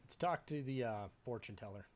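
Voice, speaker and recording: A man's voice: mid-range voice, expressive, fairly quick, a little hiss or hum. A man giving casual commentary as he plays through a video game.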